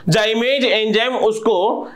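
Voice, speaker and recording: Indian male teacher, lighter high voice, rhetorical question-and-answer lecturing. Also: takes it slowly. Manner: asks questions and answers them himself, calls listeners sahab. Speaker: chemistry teacher. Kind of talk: live class lecture.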